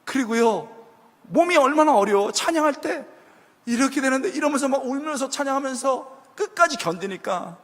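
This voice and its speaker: Guy preaching to young adults, high lively voice, acts out the people in his story, big echoey church hall. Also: normal speed. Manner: animated storytelling, acting out quoted voices. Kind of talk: sermon with storytelling. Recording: long hall reverb.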